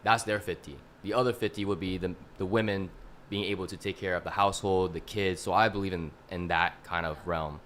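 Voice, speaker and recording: A very deep-voiced man in his twenties speaks as a guest on a casual podcast panel. He works as a fitness coach and explains things in a measured, steady way, dropping in "you know." Faint hiss runs behind him. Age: 20s.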